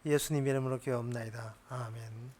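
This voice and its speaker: A male pastor leading his congregation in an earnest, hushed prayer that trails off at the ends of phrases during a church service. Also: mid-range voice, fairly even intonation, a little fast.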